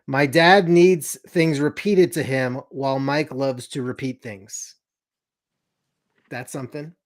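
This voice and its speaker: A playful man hosts a loose family chat at home, firing off quick asides. His voice sits at an ordinary middle pitch. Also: steady tone. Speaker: podcast host.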